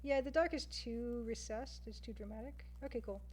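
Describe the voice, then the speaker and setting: Drawing live on stream, this game artist chats casually with viewers in a Canadian accent, thinking out loud. She speaks at normal speed in a slightly high, slightly mellow voice.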